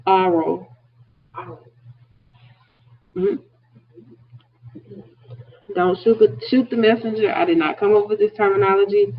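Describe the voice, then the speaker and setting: A man's voice: sits high, normal speed, long pauses, breathy edge. A man giving an online class lecture as a nursing instructor. He explains step by step and jokes lightly now and then. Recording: tinny phone-like audio.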